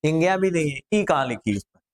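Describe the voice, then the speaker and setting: A man in middle age with a notably high-pitched voice leads a grammar lesson. He keeps the class engaged by asking them questions and answering them himself. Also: lively intonation, fast. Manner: drills students with rhetorical questions. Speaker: teacher.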